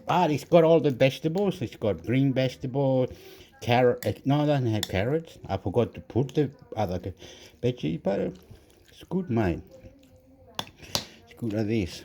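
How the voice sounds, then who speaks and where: Chilean guy rambling thru his cooking vid, mellow voice, flips between english and spanish. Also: mid-range voice, lively intonation, normal speed, slight background noise. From southern Chile. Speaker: cooking vlogger. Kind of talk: casual cooking vlog with pep talk. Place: home kitchen.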